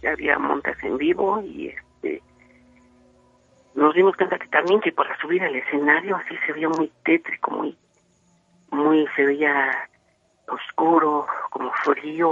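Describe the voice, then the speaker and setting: A man's voice: fairly high pitch, fairly even intonation, moderate pace, gravelly, a bit bright, husky, dry recording. A Mexican man telling a spooky story over the phone, rambling with many fillers. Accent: Mexican Spanish. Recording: tinny phone line.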